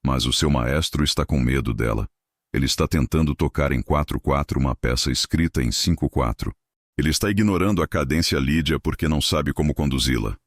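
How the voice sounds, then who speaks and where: A man voicing a calm, wise male street violinist. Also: rumbling low, a little fast, no echo, clean studio sound. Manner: calm, quiet.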